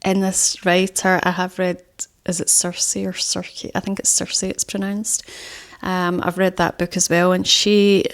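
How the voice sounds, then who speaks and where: Young woman, casual book chat, rambling, lots of fillers, low-ish flat voice. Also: unhurried. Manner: rambling, many fillers and restarts. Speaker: book vlogger. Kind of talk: casual book talk to camera.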